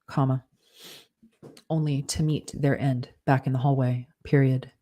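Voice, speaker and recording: Slow, flat voice dictating a story. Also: mid-range voice. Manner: measured, flat dictation, spelling out punctuation and corrections. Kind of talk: dictating fiction aloud with spoken punctuation commands.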